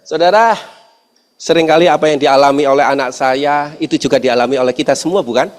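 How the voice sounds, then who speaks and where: A man preaching a storytelling sermon, speaking to the congregation and moving between lively and hushed delivery. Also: a little high, fairly quick. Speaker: pastor. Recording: long hall reverb.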